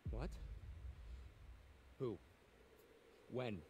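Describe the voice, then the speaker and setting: A man's voice: mid-range voice, extremely slow, mellow, slight background noise. An actor playing a nervous young man in a video game, stammering with sarcastic asides. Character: jittery, relieved young man on the run.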